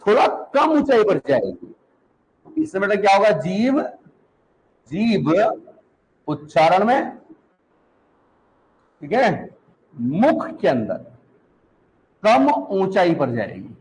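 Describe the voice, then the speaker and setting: On a poor-quality recording, a male Hindi teacher lectures with a high-pitched, somewhat mellow voice whose pitch swoops wildly. He says each term slowly and repeatedly for students to write down, poses questions he answers himself, and addresses students as "beta."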